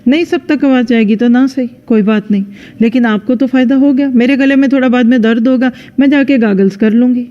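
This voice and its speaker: A woman's voice: fairly high pitch, mellow. A woman religious teacher giving a conversational lecture into a microphone, speaking straight to her listeners and acting out sample dialogues. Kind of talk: religious lecture to a women's audience. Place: lecture venue with a live audience. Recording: dull lo-fi sound with long hall reverb.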